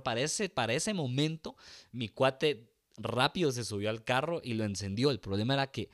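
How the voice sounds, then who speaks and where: A man telling a crude, self-mocking comic story, swearing freely and acting out shouts. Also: mid-range voice. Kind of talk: comic personal anecdote.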